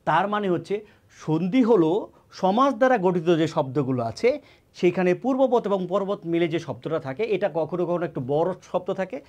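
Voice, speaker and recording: A man's voice: high voice, animated, a little fast, darkish tone. A man giving an exam-prep grammar lesson, often repeating key words and asking and answering his own questions. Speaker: teacher.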